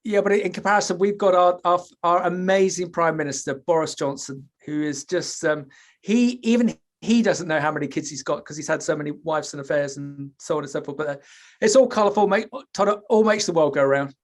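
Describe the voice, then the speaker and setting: A British man, the guest on a casual podcast, talking earnestly with many halting pauses and restarts. His voice is notably high for a man. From United Kingdom. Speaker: podcast guest, school presenter. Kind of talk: casual chat.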